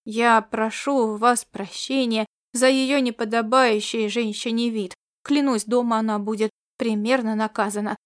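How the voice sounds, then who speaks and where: A woman's voice: fairly high pitch, steady tone, moderate pace, few pauses, lightly acted. A woman voicing a flustered, anxious old male servant in an audiobook story. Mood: apologetic. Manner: flustered, pleading.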